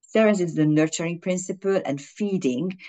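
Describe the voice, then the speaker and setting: Explaining an astrology chart on video, this fumbling woman astrologer from Hungary keeps restarting and using fillers. She speaks Hungarian and German as first languages, and her lowish, mellow voice holds a moderate pace.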